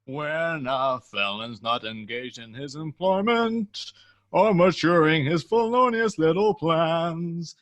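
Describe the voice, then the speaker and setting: A man's voice: on the high side, expressive, slow pace, dull audio. A man playing a gleeful, menacing Joker posing as a comic policeman in a script table read, theatrical and playful. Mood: jaunty singing.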